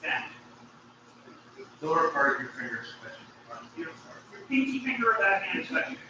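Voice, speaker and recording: A man's voice: high-pitched, very animated, fairly quick. A man casually explaining a machine setup to someone beside him, pointing out details. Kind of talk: casual shop-floor explanation. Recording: distant, roomy, very noisy video audio.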